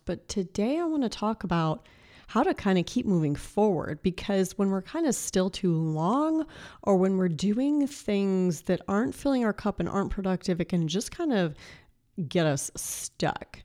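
Slightly hoarse woman podcast host. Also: mid-range voice, very animated, moderate pace. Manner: chatty and warm, with filler words and laughs. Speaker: podcast host and life and health coach. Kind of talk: casual faith-based podcast talk.

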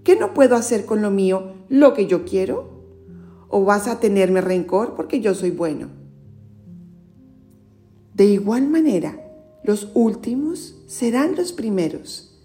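Bright-toned woman, kids show host style, Latin American. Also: medium pitch. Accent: Latin American Spanish. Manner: addresses children directly in simple, expressive words with questions. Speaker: children's religious teacher and presenter. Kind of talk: reading and explaining a Bible story for children, like a kids show host.

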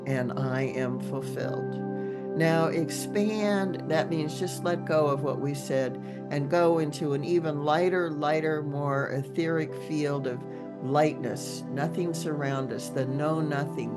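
A woman leading a guided meditation in an instructive manner, with repeated affirmations. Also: low voice. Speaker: host and guided meditation leader. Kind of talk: guided meditation, then informal thanks. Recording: music behind the voice. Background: plucked guitar music.

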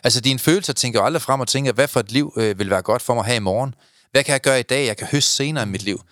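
A man co-hosting a casual podcast, talking bluntly and in an animated way. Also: medium pitch, no room sound, clean studio sound. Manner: animated, blunt, tells crude anecdotes. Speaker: podcast co-host.

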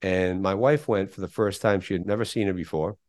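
A man's voice: low voice, a little fast, darkish tone, no room sound, studio quality. A middle-aged man, a guest on a podcast interview, speaking emphatically and firing off rhetorical questions. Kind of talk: conversational interview.

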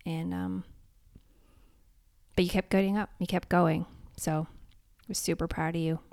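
A woman with a low, gravelly voice talks in a casual podcast chat. She tells her story earnestly and with feeling, with plenty of fillers along the way. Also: flat delivery, unhurried, a little mellow. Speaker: podcast co-host, race crew lead.

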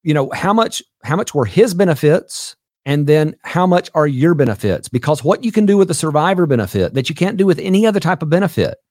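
A man's voice: a little high, very animated, a little fast, a little mellow, dry recording, clean studio sound. A man hosting a call-in advice show, explaining things to callers in a patient, plain way. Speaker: host.

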